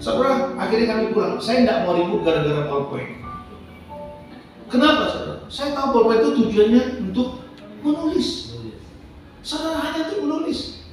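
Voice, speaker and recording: Older man preaching, very high voice, from sumatra, story-telling sermon, far from the mic, booming hall, music behind. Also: lively intonation, moderate pace, pauses often. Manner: addresses the congregation as "saudara" constantly. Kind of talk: sermon with personal stories. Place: church hall.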